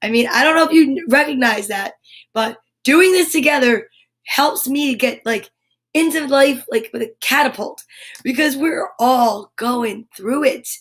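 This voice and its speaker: Brief: cheerful, encouraging woman host, slightly high voice, casual live chat. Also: measured pace. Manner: upbeat, encouraging, affirmations. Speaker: children's story time host. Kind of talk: live-streamed casual pep talk.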